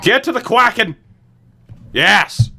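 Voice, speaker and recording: On a video game livestream, a man with a high voice speaks at a slow pace yet animatedly to his viewers, often repeating phrases for emphasis.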